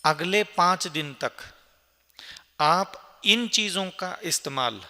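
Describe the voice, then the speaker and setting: A monk preaches to a gathered audience, and his earnest voice sits a little high for a man. He builds his points through long lists and rhetorical questions, and a long reverb trails each phrase around the hall. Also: expressive, slow, bright, forceful tone. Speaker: Jain monk giving a Q&A discourse. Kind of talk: sermon answering questions.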